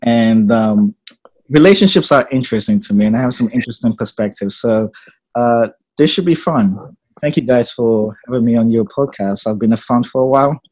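A man's voice: medium pitch, normal speed, low-quality recording. A young man from Ghana who grew up in England, chatting casually as a podcast guest with plenty of ums. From Ghana, raised in England. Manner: relaxed, chatty, laughs easily, many ums. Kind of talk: casual chat.

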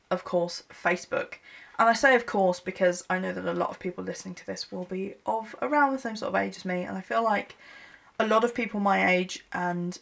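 Late at night at home, a sleepy, yawning twentysomething woman rambles through her solo podcast with self-deprecating humor. Her voice is medium-pitched, creaky, and a bit bright, recorded on a microphone with a laptop.

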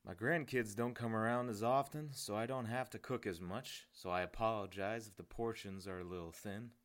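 A man voicing a kindly, thin, balding old man who talks gently and soothingly. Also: lowish voice, moderate pace, close to an everyday voice. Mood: chatty.

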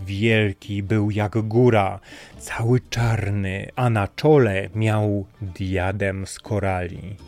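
A man narrating a fairy tale in a dramatic storytelling manner. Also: medium pitch.

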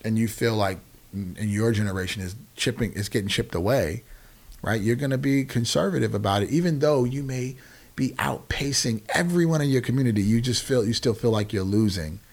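An American man in his forties, a nonprofit founder, speaks as a podcast guest, explaining things conversationally and emphatically while often checking the listener follows. His voice is medium-pitched and darkish, a little fast.

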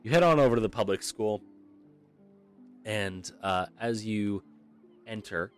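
A man narrating a tabletop game as game master, halting with frequent pauses. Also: on the low side, animated, faint music behind.

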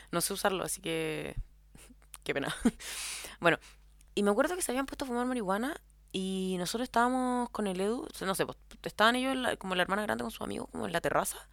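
Young woman, Chilean accent, chatty storyteller who wanders with fillers; medium pitch, dead-dry recording. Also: vocal fry, dry recording. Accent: Chilean Spanish. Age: young adult. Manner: rambling, heavy on filler words. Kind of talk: casual storytime monologue.

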